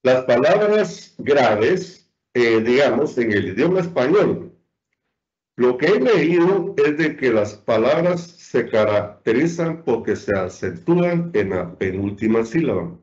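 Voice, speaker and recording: A male teacher with a medium-pitched, sing-song, slightly dark voice gives an online lecture on spelling rules. He poses questions and answers them himself, stretching out each example word for emphasis. The audio is dull and lo-fi, picked up by a computer mic on a video call.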